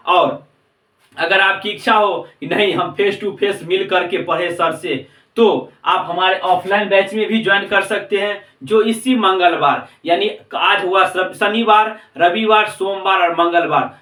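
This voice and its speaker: A man teaching an English class, spelling out English book titles slowly and repeating each question until the answer sticks. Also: high voice, sharp tone, roomy sound, far from the mic, low-quality recording. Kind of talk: classroom lecture.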